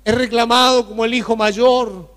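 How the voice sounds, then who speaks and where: A male pastor leading a fervent, pleading prayer during a church sermon, with many pauses. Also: extremely high pitch, fairly even intonation, a bit bright, big-room sound. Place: church sanctuary.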